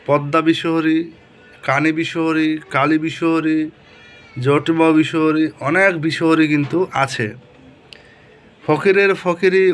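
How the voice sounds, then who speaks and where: A man teaching folk mantras, explaining plainly and reciting verses in a slow, measured chant, often asking listeners if they understood. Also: fairly high pitch, a bit bright, slight background noise. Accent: Bengali. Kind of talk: spoken lesson with chanted recitation.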